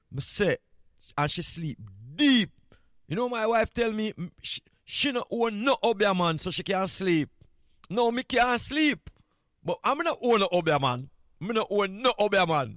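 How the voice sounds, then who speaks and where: On a morning radio show, a Jamaican man chats in a voice that sits a bit high and bright. Candid and playful, he tends to say a phrase more than once for emphasis. There's no echo, and the recording is dry with very little room sound.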